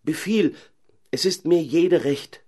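A man voicing a young, excitable caliph who has been turned into a stork. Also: lowish voice, a little slow, pitched above the performer's own voice. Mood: eager. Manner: excited, pleading.

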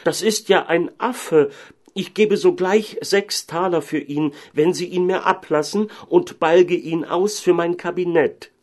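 A man doing an excited learned old gentleman. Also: sits high, unhurried, pitched above the performer's own voice. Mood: amazed. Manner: excited, exclaiming.

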